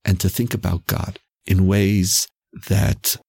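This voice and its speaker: A Canadian-accented man is an interview guest in a reflective, explanatory conversation about religion, stressing ideas emphatically and repeating phrases for effect. His voice sits low and slow with little pitch movement, creaky, warm, and slightly rough. The recording is dry and studio quality.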